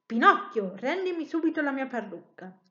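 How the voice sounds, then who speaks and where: A woman voicing an old male woodcarver, a gruff but tender father, speaking slowly and deliberately in a storybook reading. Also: high voice, big pitch swings, pushed and bright, roomy sound, muffled recording, exaggerated voice. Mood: demanding.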